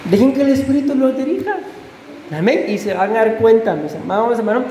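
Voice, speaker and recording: A man's voice: very high-pitched, animated, fairly quick, warm tone, slight background noise. A man preaching a fervent sermon as pastor, often asking his congregation questions. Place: church sanctuary. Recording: echoey church hall with faint ambience.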